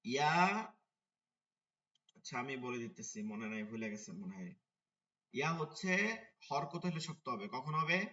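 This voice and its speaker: A man's voice: mid-range voice, moderate pace, pauses often, a bit bright. Man, Quran reading teacher, sing-song syllable drills, quizzes the class then answers himself, distant mic, dull lo-fi sound. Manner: asks the class questions and answers them himself. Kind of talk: online class, spelling out letters and vowel marks.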